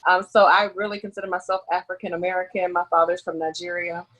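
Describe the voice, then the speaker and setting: Flat-toned woman professor from Dallas. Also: fairly low pitch, fast talker, low-quality recording. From Dallas, Texas. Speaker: therapist and professor. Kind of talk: panel introduction.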